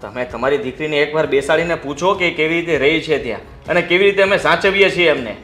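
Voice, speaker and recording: Brief: actor as a jittery young son-in-law, stammering and defensive, slightly high voice, echoey room. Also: male voice, fast talker, a bit bright, faint music behind, close to an everyday voice. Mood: flustered. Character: flustered young son-in-law, nervous and evasive.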